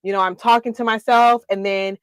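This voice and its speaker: A woman's voice: mid-range voice, fairly even intonation, a little fast, clean tone, dry recording. A woman hosting a talk show in a casual, chatty way, affirming and quoting herself as she tells stories. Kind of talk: casual chat.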